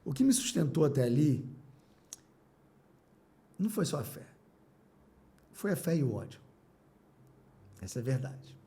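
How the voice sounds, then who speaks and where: A man's voice: mid-range voice, very animated, unhurried, long pauses, warm tone. A middle-aged man, a business owner and podcast guest, telling a personal story with emotion, repeating phrases and acting out his own past words.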